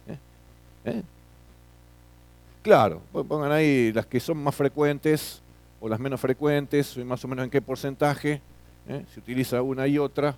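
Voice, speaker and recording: A man's voice: mid-range voice, fairly even intonation, measured pace, long pauses, a little mellow. A middle-aged man teaching a classroom lecture, often tagging his sentences with questions and repeating words.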